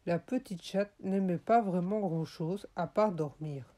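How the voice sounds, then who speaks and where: A woman narrating a children's audiobook in a gentle, clearly paced way. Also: lowish voice, measured pace. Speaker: audiobook reader.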